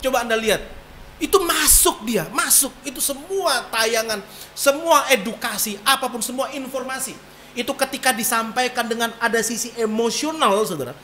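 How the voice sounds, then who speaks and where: Animated, colloquial male preacher. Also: extremely high pitch, slight background noise. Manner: animated, colloquial, acts out voices. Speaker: pastor. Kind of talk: sermon.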